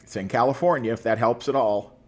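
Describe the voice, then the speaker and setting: The speaker is a podcast co-host in casual conversation, his mid-range voice moving fairly quickly. He rambles, using lots of fillers and starting over often.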